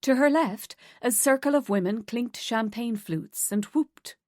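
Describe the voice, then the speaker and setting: A woman reading an audiobook thriller in a steady, measured way. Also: a little high, no echo, clean studio sound. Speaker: audiobook narrator. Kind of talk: scripted narration.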